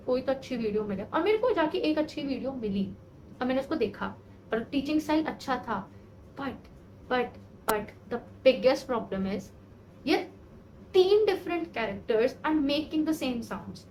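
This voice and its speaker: In a rough recording with some hiss or hum, a vlogger in her 20s who is learning a language speaks in a high-sitting, darkish voice. She talks casually to the camera, exasperated and mocking herself as she goes through what she finds hard.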